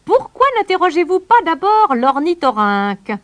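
A woman voicing a sly, mocking male kingfisher in a storybook, with a high giggly voice. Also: very animated, normal speed.

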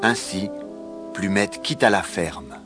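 A man reading a children's story aloud in an expressive way. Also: fairly low pitch, over music. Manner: slow, expressive read-aloud.

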